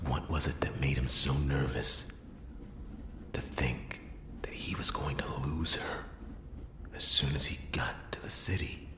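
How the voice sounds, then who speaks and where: A man voicing a world-weary noir detective in a whispered role-play, brooding and halting, with dramatic pauses and a gravelly, breathy voice. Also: very deep voice, fairly even intonation, roomy sound. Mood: searching, uneasy. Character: world-weary male noir detective piecing together a murder.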